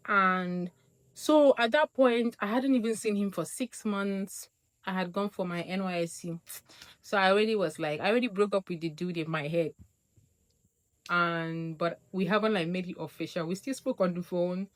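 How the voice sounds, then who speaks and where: A young woman vlogger from Nigeria telling a casual storytime monologue, acting out quoted lines with big jumps in her voice. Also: normal speed. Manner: animated, acts out quotes with big pitch jumps.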